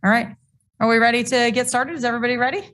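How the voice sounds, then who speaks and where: A woman informally facilitating a meeting, speaking hesitantly with frequent pauses. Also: a little high, steady tone, a bit bright.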